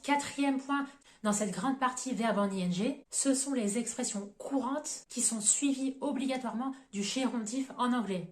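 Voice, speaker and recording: A woman teaching English grammar in a YouTube lesson, explaining clearly and reading out English example sentences. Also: a little high, echoey room.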